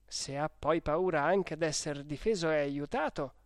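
A man's voice: fairly high pitch, a little slow, clean tone, dry recording, clean studio sound. A man voicing an outspoken, talkative older woman who keeps house for a priest. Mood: indignant.

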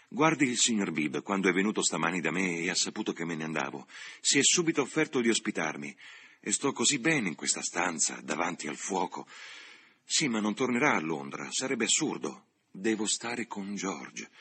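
A man voicing a gentle, grieving old widower in an audiobook, speaking slowly and sorrowfully in a husky voice. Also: low voice, very animated, voice pushed up, exaggerated voice. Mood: grateful. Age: over 60.

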